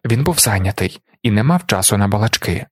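A man narrating an audiobook in a steady, measured way. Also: on the low side, slightly rough, dry recording, studio quality.

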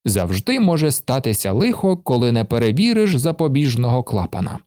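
A man narrating a children's storybook aloud in an expressive, lively way. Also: mid-range voice, a little fast, no room sound, studio quality. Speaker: storybook reader.

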